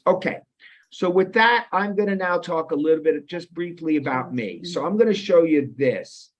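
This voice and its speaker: A man in his fifties moderating an online webinar, talking casually with many restarts and quizzing his audience. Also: fairly high pitch. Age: 50s. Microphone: video call. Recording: muffled lo-fi video call audio.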